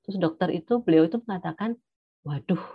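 A middle-aged woman giving a personal testimony as a cancer survivor, hesitant, with many pauses and fillers. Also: low voice, no echo, phone-quality sound. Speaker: cancer survivor sharing her story.

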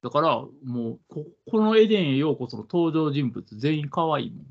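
A man's voice: on the high side, very animated, brisk. A man with a Kansai accent co-hosting a casual podcast chat, easygoing and often searching for words. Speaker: podcast co-host. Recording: dull lo-fi podcast audio.

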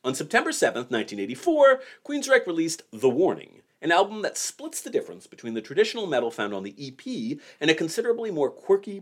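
A man in his forties hosting a podcast, telling a band's history in a wry, joking way. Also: on the high side. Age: 40s. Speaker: podcast host. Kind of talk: casual podcast chat.

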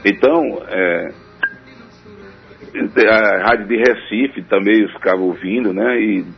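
Over a dull radio broadcast with faint music, a Northeast Brazilian forró singer speaks as an interview guest. He talks slowly in a lowish, gravelly, slightly rough voice, his answers wandering and hesitant and packed with fillers.

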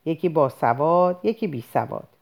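A woman's voice: deep voice, lively intonation, gravelly, a little mellow. A woman voicing a blunt, conspiratorial middle-aged police officer in an audiobook reading. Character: older male police officer, blunt friend.

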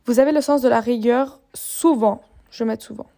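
A woman's voice: fairly high pitch, normal speed, gravelly, warm tone. A young woman hosting her own podcast, chatting casually and mocking herself, fed up with a quiz website that keeps failing. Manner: chatty, self-mocking, exasperated. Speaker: podcast host. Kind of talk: casual chat.

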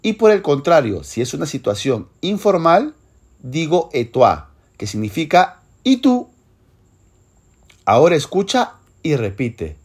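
Slow, lively-voiced language lesson narrator. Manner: slow, clear instructional delivery with lively pitch. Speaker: language teacher.

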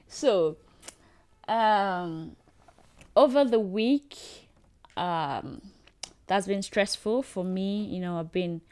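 A woman's voice: fairly low pitch, no room sound, studio quality. A young adult Nigerian woman hosting her own podcast, talking in a chatty, rambling way with fillers and little laughs. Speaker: podcast host. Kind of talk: solo podcast chat.

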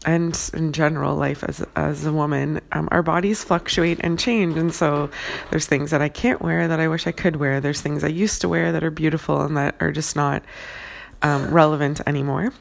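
A woman in her thirties, a mother, gently sharing a faith reflection in a groggy early-morning voice, soft-spoken with many pauses and fillers. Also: low voice, steady tone, vocal fry.

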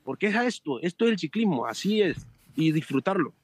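A man chatting as a podcast guest, telling animated stories, joking and swearing freely over a remote call. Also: on the high side, brisk, slightly rough. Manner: animated storyteller, swears, jokes. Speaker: podcast guest, amateur cyclist. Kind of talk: casual chat.

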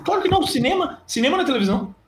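A man with a Brazilian Portuguese accent hosts a loose podcast chat, putting dilemmas to his friends. His voice sits high for a man. The room is audibly echoey. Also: sing-song, racing, soft background music. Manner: reads out would-you-rather choices, laughs easily. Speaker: podcast host. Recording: roomy echo.

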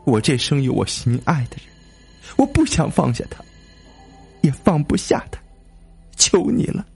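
Man raising his voice for a young heartsick woman, high, pleading, stubborn, some gravel. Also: very animated, unhurried, a little mellow, soft background music, heavily acted. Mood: begging. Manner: pleading, pitched high and urgent.

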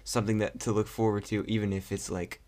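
A man's voice: fairly low pitch, little pitch movement, quick pace, darkish tone. A young man hosting a podcast in casual chat, rambling and hesitant with lots of fillers. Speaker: podcast host.

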